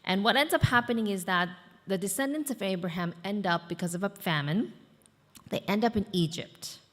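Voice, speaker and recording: An American woman in her thirties preaches a sermon as a pastor in a church hall, her medium-pitched voice brisk and trailing a long reverb tail. She keeps it conversational, with fillers and asides to the congregation.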